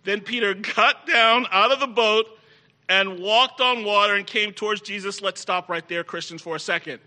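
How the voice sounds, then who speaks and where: A middle-aged man preaches a sermon to a congregation present in the room, his voice high and piercingly bright. He speaks at a moderate pace, emphatically hammering his points home by repeating key phrases.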